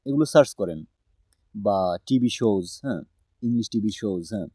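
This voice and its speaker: A young man, giving a casual spoken-English lesson in a relaxed, conversational way, often checking in with "haan?" and pausing on "ah". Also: lowish voice, dry recording, studio quality. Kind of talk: casual talk-through lesson.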